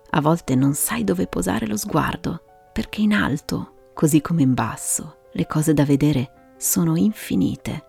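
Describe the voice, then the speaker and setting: Woman narrator w a low creaky voice, measured storytelling with pauses, quiet music under it. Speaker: host and narrator of a storytelling show. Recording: music behind the voice.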